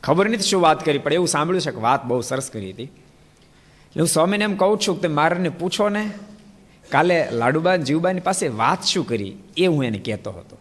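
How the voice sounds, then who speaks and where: A man's voice: fairly high pitch, fairly quick, big-room sound. A man with a Gujarati accent giving a sermon, telling stories and acting out the dialogue. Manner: animated storytelling, acting out dialogue. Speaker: preacher. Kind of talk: sermon with storytelling.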